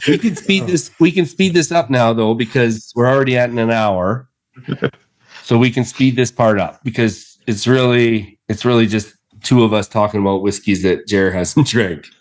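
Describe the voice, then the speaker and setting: An enthusiastic man chatting as a podcast co-host, rambling along with fillers and quick restarts. His voice sits at an ordinary middle pitch for a man. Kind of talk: casual chat.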